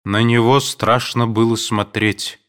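A man reading classic prose aloud as an audiobook narrator, in a measured, expressive storytelling manner. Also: mid-range voice.

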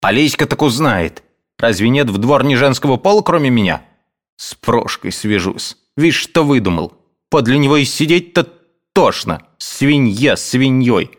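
A man voicing a sharp-tongued woman housekeeper who scolds and snaps. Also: mid-range voice, animated, moderate pace, voice pushed up, lightly acted. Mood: scolding. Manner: scolding, snapping.

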